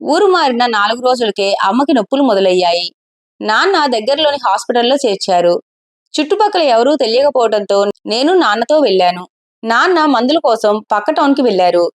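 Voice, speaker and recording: A grieving young husband, read by a woman in a storybook telling, guarded and quietly confessional. She keeps her own slightly high voice. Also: expressive, fairly quick, lightly acted. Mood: sorrowful.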